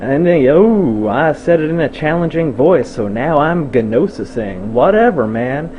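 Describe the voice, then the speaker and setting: A man's voice: on the high side, animated, unhurried, muffled recording, a little hiss or hum. A man in a debate video, dismissive and crude, cursing at his opponent. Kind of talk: argumentative rebuttal video.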